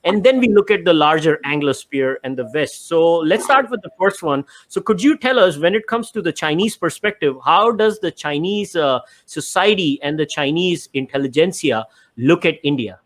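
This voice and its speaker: A man's voice: a little high, lively intonation, normal speed. Man hosting a podcast interview. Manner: explanatory, lays out ideas step by step. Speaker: podcast host. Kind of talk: casual interview.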